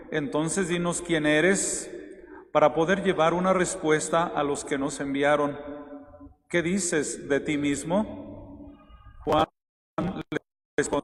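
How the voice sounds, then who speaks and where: A man's voice: fairly high pitch, a little hiss or hum. A man leading Mass as a priest, chanting responses and reading the gospel in a large church with a long cathedral echo. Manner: slow, measured chant on the responses. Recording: echoey church recording, faint music.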